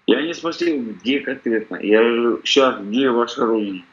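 A man's voice: medium pitch, normal speed, lo-fi sound. A middle-aged man on a video call, pressing his questions insistently and repeating them again and again. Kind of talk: heated casual argument.

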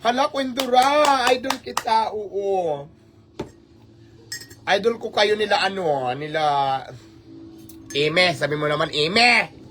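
Filipino guy ranting on a live stream, kinda high voice, keeps asking "right?" to his viewers. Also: takes it slowly, long pauses, fairly bright tone, soft background music. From Philippines. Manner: exasperated, rhetorical, mixes English phrases into Tagalog. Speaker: livestream host.

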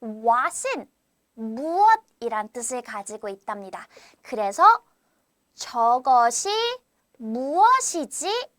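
Female children's English teacher, bright crisp tone, dry close sound, drills words slowly. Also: on the high side, no room sound. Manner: repeats words several times as drills. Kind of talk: live online English reading lesson for children.

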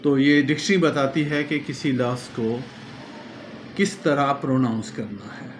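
A man's voice: medium pitch, steady tone, measured pace, a little hiss or hum. A male teacher gives a classroom lecture, explaining patiently and spelling words out letter by letter.

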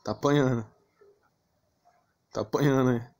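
Commenting on his own gameplay, a Brazilian-accented man grumbles in a casual, slangy way with some swearing thrown in. He talks at a normal speed, his medium-pitched voice steady and slightly mellow. The sound is dull and lo-fi, with noticeable background noise.

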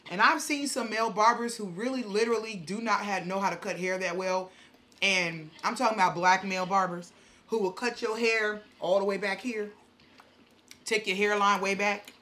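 Brief: home mukbang host, woman, 40s, animated and chatty, slightly low pitch, faint room noise. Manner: animated, chatty, acts out her own reactions. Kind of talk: casual storytelling to viewers while eating. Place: home dining room, indoors. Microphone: camera on the table in front.

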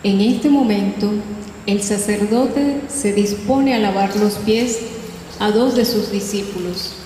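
A woman's voice: mid-range voice, slow, warm tone. A woman giving solemn scripted commentary on a church rite, in a cathedral-like echo. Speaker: liturgical commentator. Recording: echoey church, faint noise.

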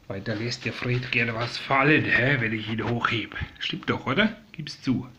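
A man who vlogs about the rescued sparrow he's raising speaks to it casually, coaxing and doting in a soft voice that often sinks to a whisper, while also explaining to his audience. The pitch is medium and the pace moderate; the lo-fi home recording carries a little hiss or hum, with the sparrow chirping behind him.

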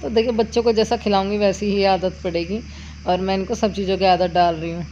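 Speaking a little fast in a mellow, steady, medium-pitched voice, this village vlogger narrates each cooking step homely and chatty in her village kitchen. Crickets and insects fill the background of a dull, lo-fi recording with outdoor noise.

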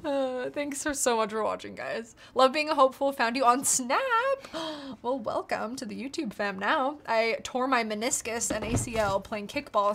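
A woman's voice: on the high side, fairly bright tone. A young American woman casually chatting on a livestream, bubbly and reading out viewer comments. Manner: bubbly, reads out chat comments. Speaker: YouTuber hosting a livestream.

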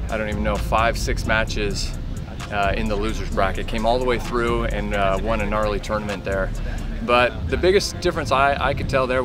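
A man in his forties speaks to camera outdoors on a beach, stumbling through restarts and fillers. His voice sits a little low. A loud music bed plays under him throughout. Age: 40s. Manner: halting, full of fillers and restarts. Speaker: professional beach volleyball player. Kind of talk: testimonial to camera.

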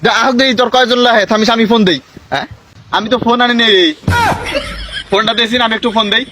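High-voiced boastful man. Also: steady tone, fairly quick, noisy background. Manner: boastful and confrontational. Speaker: comedy sketch actor. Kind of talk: comic sketch dialogue.

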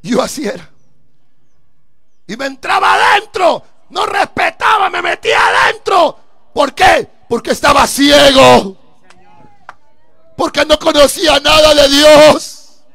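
A man preaching a fervent live sermon at a church service, breaking into emphatic shouted bursts. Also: very high voice, lively intonation, slow, creaky, pauses often, a faint crowd.

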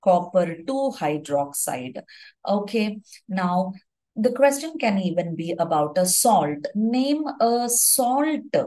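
Slow, lively woman teaching chemistry. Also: on the low side, low-quality recording. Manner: slow, deliberate dictation with repeated phrases for note-taking; self-corrects with fillers. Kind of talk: exam-focused chemistry lesson.

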